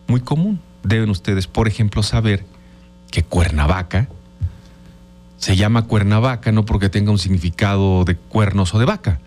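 A man's voice: fairly low pitch, a little mellow. A Mexican man hosting a radio show, giving an explanatory reflection and turning to his listeners with frequent tag questions. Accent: Mexican Spanish. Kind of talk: reflective talk.

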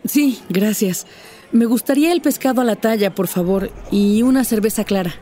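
A woman's voice: mid-range voice, normal speed, warm tone. Earnest Mexican woman explaining. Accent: Mexican Spanish. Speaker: character Patty in a teaching dialogue. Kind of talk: scripted dialogue scene.

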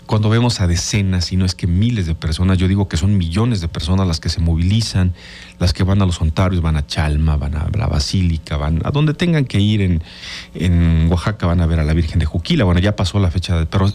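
A man's voice: lowish voice, a little mellow. A Mexican man hosting a radio show, giving an explanatory reflection and turning to his listeners with frequent tag questions. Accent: Mexican Spanish. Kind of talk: reflective talk.

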